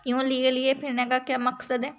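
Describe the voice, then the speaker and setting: A woman reading the lines of a calm, principled young man who argues in a persuasive way, in her own voice. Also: high voice, moderate pace, lightly acted. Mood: earnest.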